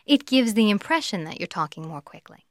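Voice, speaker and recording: A woman teaching sales rapport, her voice rising and falling with lots of movement as she acts out squeaky, low, fast and slow voices to make her points. She laughs lightly now and then, and the sound is close and dry with no room around it. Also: big pitch swings, no room sound. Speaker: sales trainer. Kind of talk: instructional talk.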